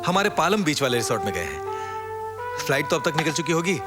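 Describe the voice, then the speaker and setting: An actor playing a polite, deferential hotel clerk speaking to a guest. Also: male voice, a little high, sing-song, fast talker. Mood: calm. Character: smiling, courteous male hotel clerk. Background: loud film score music.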